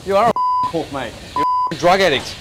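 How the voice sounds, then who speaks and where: Male head chef, commanding kitchen order callouts, higher voice, clear background clatter. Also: wildly swooping pitch, normal speed, heavy background noise. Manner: brusque, commanding. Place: busy restaurant kitchen.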